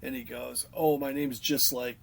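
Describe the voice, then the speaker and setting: A man's voice: medium pitch, level tone, normal speed, creaky. A man co-hosting a podcast in casual chat, telling a rambling story, swearing and laughing hard. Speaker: podcast co-host.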